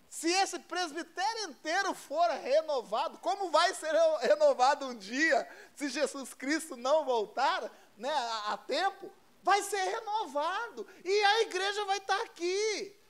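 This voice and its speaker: Brazilian male pastor, high voice, chatty folksy sermon delivery with lots of repetition. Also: fairly bright tone. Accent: Brazilian Portuguese. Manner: conversational, repetitive, folksy storytelling. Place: church service.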